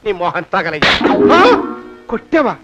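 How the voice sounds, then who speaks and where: An actor playing a stingy, scheming moneylender who panics, grumbles and haggles in a film comedy scene. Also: male voice, high voice, sing-song, normal speed, lo-fi sound, loud music behind the voice. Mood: haggling. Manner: grumbling, panicky, moans under his breath. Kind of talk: Telugu film comedy acting.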